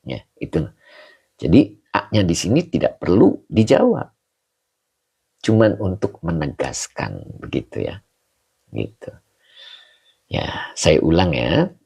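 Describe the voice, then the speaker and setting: A man's voice: low-pitched, very animated, slow, vocal fry, pauses often, dark tone, slightly rough. A man teaching an online lesson on Quran exegesis and Arabic grammar, greeting viewers by name between points. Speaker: religious teacher.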